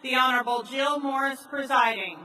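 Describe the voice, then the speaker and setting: Lady bailiff doing the formal court call, loud n high, kinda far from mic in a big echoey room. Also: fairly quick. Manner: loud ceremonial calling-out. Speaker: court bailiff opening the session. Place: large grand hall. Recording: echoey large hall, distant mic.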